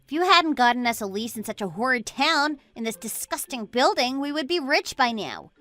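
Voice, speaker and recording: A woman's voice: sits high, expressive, normal speed, fairly bright tone. A woman voicing an indignant young woman who bickers with her partner in a text-story narration. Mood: bickering. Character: whiny defensive young woman, cafe co-owner.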